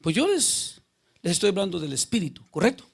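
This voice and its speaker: High, gravelly male pastor preaching. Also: a little fast. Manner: keeps questioning the congregation by name, rhetorical and animated. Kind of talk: conversational sermon.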